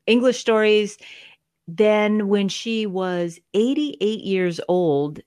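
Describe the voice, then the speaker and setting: A middle-aged woman, a guest author, telling stories about her mother in a podcast interview. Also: fairly low pitch.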